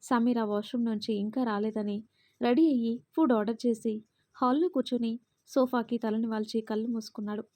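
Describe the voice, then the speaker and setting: A woman narrating a family drama story in a steady, expressive way. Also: on the high side, a little fast.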